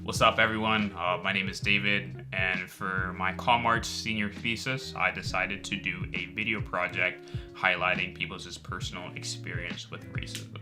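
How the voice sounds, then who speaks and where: A man's voice: sits low, level tone, moderate pace, over music. A young man, a student, introducing his video project in an earnest way. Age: young adult. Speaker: student filmmaker and interviewer.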